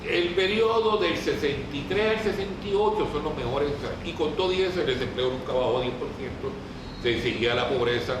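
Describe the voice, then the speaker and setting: A man with a slightly high voice speaks briskly as he delivers an informal, didactic history talk to a group. He is a lecturer whose colloquial speech carries a Puerto Rican Caribbean Spanish accent, and he often poses questions. Expect a very echoey room, a distant mic, and clear noise.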